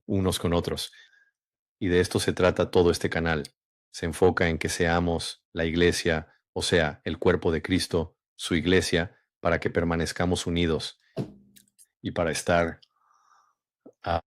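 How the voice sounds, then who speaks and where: A man hosting a religious channel, speaking in an unhurried, measured monologue with frequent hums and pauses, then reading a story aloud. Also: sits low, no room sound, clean studio sound.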